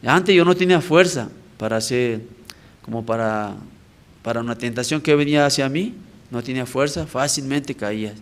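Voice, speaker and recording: A man's voice: mid-range voice, normal speed. A male evangelist giving a personal testimony at a church prayer service, talking conversationally and often checking in with the congregation with short tag questions.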